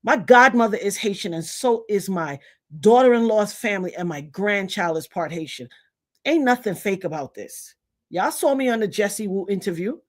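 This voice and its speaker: Speaking at a normal speed in an animated, medium-pitched voice, this Trinidadian-accented livestream host delivers an indignant, emphatic rant. She is middle-aged, originally from Trinidad, and grew up in Brooklyn.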